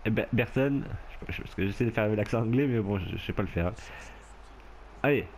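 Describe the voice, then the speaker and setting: Excitable French-speaking man commenting a rugby game. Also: lowish voice, quick pace, a little hiss or hum. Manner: excitable, shouts and laughs at the game. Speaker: gameplay commentator.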